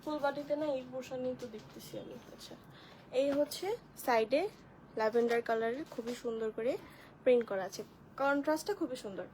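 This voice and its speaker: A high-voiced woman hosts a live online clothing sale. She chats with viewers, greets them by name and walks through each dress. A faint noise runs under the recording. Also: fairly quick, a little mellow, poor audio. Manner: chatty, addresses viewers as sisters, greets commenters by name. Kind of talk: live-stream product showcase.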